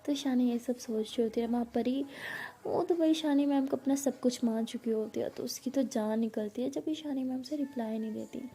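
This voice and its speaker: A woman's voice: on the high side, normal speed, few pauses, warm tone. A woman narrating a love story in a chatty, conversational way.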